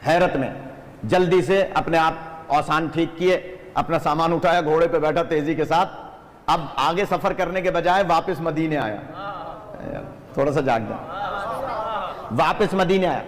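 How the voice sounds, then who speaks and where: Male preacher, high voice, lively storytelling sermon with a long hall echo. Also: long pauses. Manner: animated storyteller who often blesses the audience. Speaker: preacher at a religious gathering. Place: gathering hall. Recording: echoey hall reverb.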